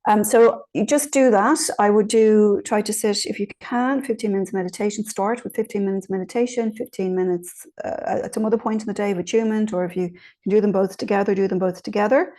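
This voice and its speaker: A woman's voice: mid-range voice, fairly even intonation, brisk, dark tone. A woman teaching informally and answering questions, in a conversational, encouraging way with frequent little check-ins. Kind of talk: informal guided teaching on meditation.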